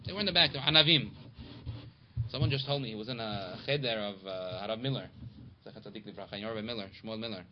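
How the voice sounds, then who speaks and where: A man with a medium-pitched voice teaches a casual Torah class to a small study group, talking quickly and chattily and reading Hebrew and Aramaic passages aloud. The recording is dull and lo-fi, with steady background noise.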